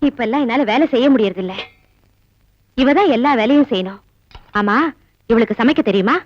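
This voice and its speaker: A woman's voice: on the high side, lively intonation, normal speed, slight background noise, close to an everyday voice. An actress playing a stern, suspicious middle-aged mother in a film comedy-drama, speaking bluntly and full of questions. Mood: bossy, brisk. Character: stern, suspicious traditional mother of a grown son. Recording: muffled film audio with music behind.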